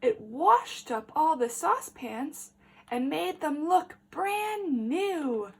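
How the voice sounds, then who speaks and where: This woman is a teacher reading a picture book to children, her delivery animated and measured, with pauses for questions. She speaks in a high voice.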